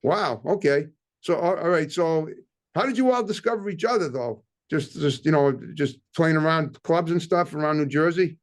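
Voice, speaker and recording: A man's voice: on the high side, normal speed. A man hosting a casual talk show interview, asking chatty questions with restarts.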